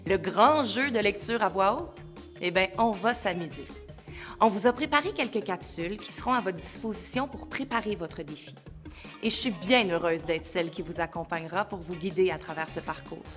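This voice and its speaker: A woman's voice: mid-range voice, normal speed, a bit bright. Female host, cheerful scripted intro, faint music bed.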